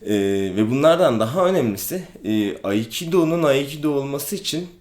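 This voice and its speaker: A man, an aikido instructor, explains things calmly in a casual vlog, with many hesitant fillers. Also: fairly high pitch, a little fast. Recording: echoey room.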